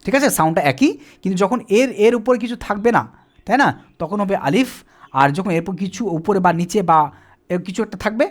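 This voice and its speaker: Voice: mid-range voice, quick pace. A teacher giving a whiteboard lesson, explaining step by step, often asking questions and answering them himself. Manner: asks questions and answers them, repeats "ঠিক আছে?". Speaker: Quran reading teacher.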